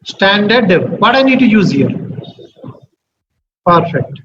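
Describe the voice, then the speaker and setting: A man's voice: sits high, sing-song, slow pace, a bit bright. A man with a Telugu accent giving an interactive lecture, repeating himself and checking understanding with short questions. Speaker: statistics teacher. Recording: muffled, echoey, noisy room recording.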